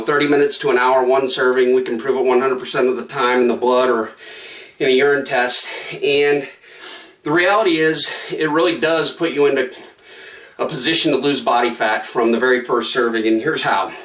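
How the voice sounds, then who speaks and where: A man talking casually in a quick, conversational way, slightly out of breath mid-workout in his home gym, repeating phrases for emphasis as he pitches a product. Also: fairly bright tone, echoey room, recorded from a distance. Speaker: product promoter. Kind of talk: casual sales pitch to camera.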